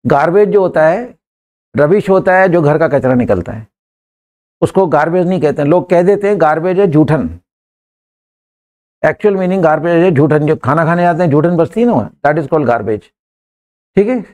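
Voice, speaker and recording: An English teacher, coaxing his students through sentences and repeating them slowly word by word in a live class. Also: a little high, expressive, darkish tone.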